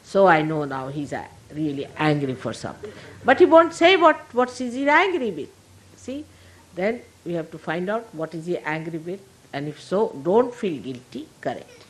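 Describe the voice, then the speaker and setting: Speaking at a moderate pace in a lowish, sing-song voice, a woman spiritual teacher chats with her followers in a warm, funny, informal way. She frequently turns to the audience with asides, often asking "see?", and the audio is poor.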